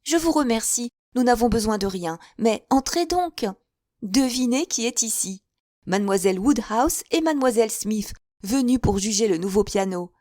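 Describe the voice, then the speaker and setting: A woman's voice: fairly high pitch, animated, normal speed, darkish tone, no echo, studio quality, pitched above the performer's own voice, close to an everyday voice. A woman voicing a chattering, effusive older spinster who gushes in breathless run-on talk. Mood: gushing.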